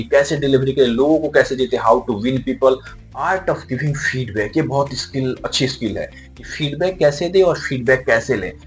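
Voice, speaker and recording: A man giving a video lesson on communication, explaining point by point with emphasis and mixing in English terms. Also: medium pitch. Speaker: communication skills trainer. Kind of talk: lecture-style video lesson. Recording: faint background music.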